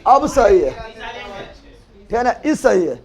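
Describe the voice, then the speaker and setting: A man teaches a class, speaking in a very high voice. He repeats each key word again and again and quizzes his students in loud call-and-response. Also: big pitch swings, extremely slow. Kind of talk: classroom lecture.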